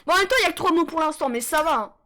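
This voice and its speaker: A woman streaming a game live on a headset, chatting with viewers in a joking, excitable way with sudden yelps. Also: very high-pitched, rapid-fire, slight background noise. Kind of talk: casual live-stream chat while gaming.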